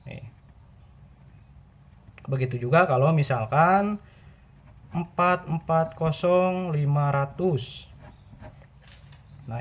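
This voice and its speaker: A man with a voice on the high side presents buying tips in an informal tutorial, patiently repeating and rephrasing his points. The sound is lo-fi.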